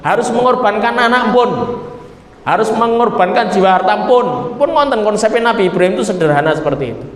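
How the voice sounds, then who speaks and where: A man's voice: high voice, animated, a little fast. A man with a Javanese accent preaching a sermon in a joking, chatty way, often turning to the audience. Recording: echoey hall with faint noise.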